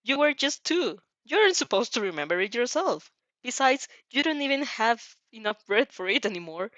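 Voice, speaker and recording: Narrating fan fiction in the second person, a woman performs emotively and reacts throughout. Her fairly high, fairly bright voice swings widely in pitch at normal speed, recorded dry with dull audio.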